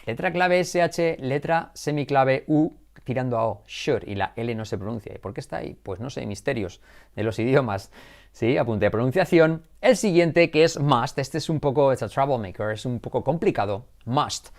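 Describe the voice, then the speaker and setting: A man's voice: medium pitch, normal speed, a little mellow. A man teaching English in a live online class, chatty and joking as he explains. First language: Spanish. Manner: chatty, explains with jokes and asides.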